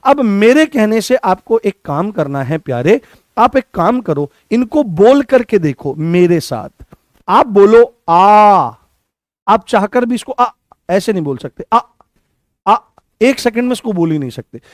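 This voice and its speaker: Animated Hindi exam tutor, dry sound. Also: male voice, high voice, unhurried, no echo. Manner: drills points by repeating them, asks students questions; addresses students affectionately as "babu". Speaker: teacher. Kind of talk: exam coaching lesson.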